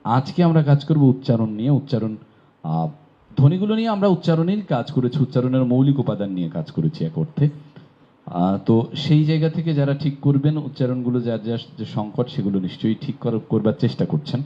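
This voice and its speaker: A man's voice: mid-range voice, expressive, brisk. A man from Bangladesh teaching pronunciation in a classroom lecture, explaining patiently and asking rhetorical questions. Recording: dull lo-fi recording.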